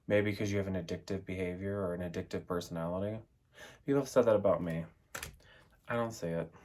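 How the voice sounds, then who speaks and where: A man's voice: deep voice, quick pace, darkish tone, slight background noise. A young man chatting casually and rambling, with a lot of filler words. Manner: rambling, filler-heavy, with frequent "like" and "um". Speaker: vlogger reviewing an oracle deck. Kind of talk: casual chat.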